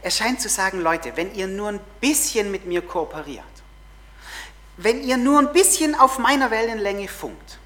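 A woman preaching a sermon, earnest and emphatic, repeating phrases and sometimes dropping to a soft whisper. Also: medium pitch, sing-song, normal speed.

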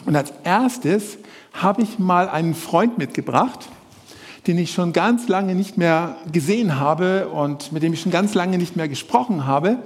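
A man presenting a live puppet show for children, speaking to them directly in a lively way. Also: high voice, a little slow, big-room sound.

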